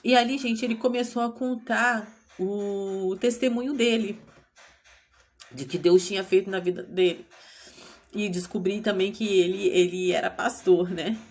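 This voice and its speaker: A woman's voice: medium pitch, fairly even intonation, a little slow. Tearful Brazilian woman giving testimony. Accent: Brazilian Portuguese. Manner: tearful, addresses listeners as "gente". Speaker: testimony speaker. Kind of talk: emotional personal testimony.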